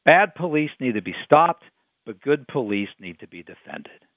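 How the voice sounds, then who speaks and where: A man's voice: medium pitch, big pitch swings, normal speed, no echo. A man delivering a scripted radio commentary, emphatic and quoting his sources. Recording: dry phone-like radio sound.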